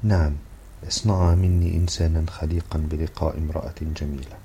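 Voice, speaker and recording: A man reading the part of an earnest, excitable young man in love, in an eager, pleading way. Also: rumbling low, brisk, slight background noise.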